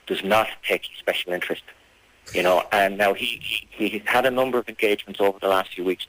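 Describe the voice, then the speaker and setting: A man being interviewed on radio as a campaigner, speaking formally and insistently, with halting phrasing. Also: on the low side, a bit bright, rough recording.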